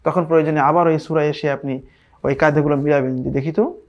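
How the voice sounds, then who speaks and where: A man leads a recitation lesson with a patient, repeating way of teaching. He chants each verse slowly and stretches it out, then drops back into plain explanation and asks the listeners whether they follow. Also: on the high side, steady tone, highs cut off. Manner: drawn-out Arabic recitation between plain explanations.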